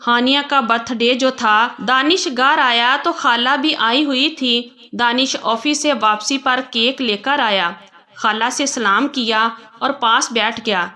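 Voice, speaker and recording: A woman narrates an emotional story in a calm, heartfelt storytelling manner. Her voice is bright and clear, sitting fairly high. She reads from a prepared script.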